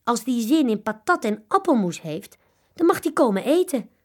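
A woman voicing a calm, practical mother in a children's story, reassuring in tone. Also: fairly high pitch, normal speed.

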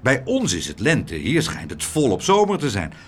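A man voicing a bustling, blustering older man who booms his words. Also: huge pitch swings, moderate pace. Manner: blustering, booming.

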